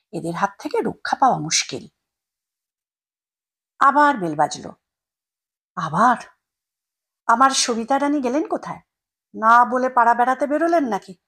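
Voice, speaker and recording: A woman narrating a story with an expressive reading style. Her voice sits fairly high for a woman and has a soft, breathy edge. She leans into the scripted lines with plenty of life.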